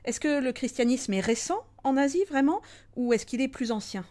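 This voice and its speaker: A woman conducts an interview with steady, composed questions. Her voice sits a little high, and she restates the guest's points before moving on. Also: moderate pace. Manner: clear, composed questioning with rephrasing.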